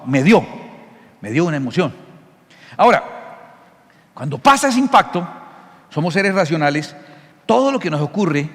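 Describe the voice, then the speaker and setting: A middle-aged male pastor preaching a sermon, teaching in an animated, jokey way and often checking that listeners follow. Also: fairly high pitch. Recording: long hall reverb.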